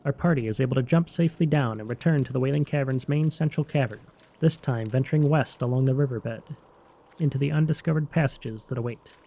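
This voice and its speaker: A man with a mellow, dark tone narrates scripted fantasy game lore at a middle pitch. Ambient noise sits behind his voice. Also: a little fast, creaky.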